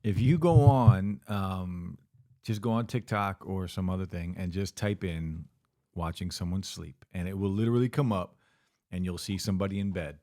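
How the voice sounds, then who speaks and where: A man's voice: low voice, moderate pace, warm tone. A man co-hosting a casual podcast, laid-back and cursing casually. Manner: laid-back, swears casually, calls people dude. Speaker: podcast co-host. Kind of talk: casual chat.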